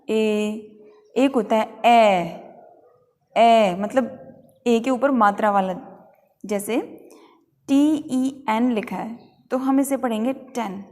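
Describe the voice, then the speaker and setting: A woman teaching pronunciation to a class, spelling words out letter by letter and having students repeat them back. Her voice sits a little high. A long reverb trails after her words. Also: a little mellow. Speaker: English teacher.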